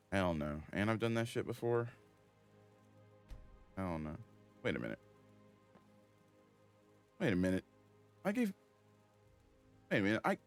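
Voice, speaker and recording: A man streaming a video game, talking casually in a profane, excitable, exasperated way. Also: fairly low pitch. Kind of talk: casual gaming commentary.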